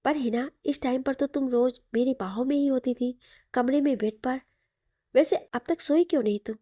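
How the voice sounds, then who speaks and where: A woman's voice: high voice, normal speed, warm tone, no room sound, clean studio sound. Woman reading a romantic audio story. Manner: voices both lovers in dialogue. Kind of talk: scripted story narration.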